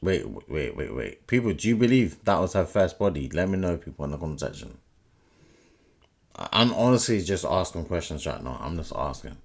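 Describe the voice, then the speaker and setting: A man's voice: sits low, big pitch swings, brisk, vocal fry. A man hosting a reaction video, chatting casually and calling on viewers again and again. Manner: repetitive, keeps addressing viewers as people.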